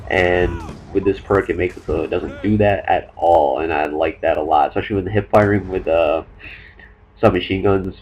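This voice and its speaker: A young man commenting over his own gameplay, talking fast and rambling with many fillers and restarts. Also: low voice, a little mellow, breathy edge, low-quality recording. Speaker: gaming commentator.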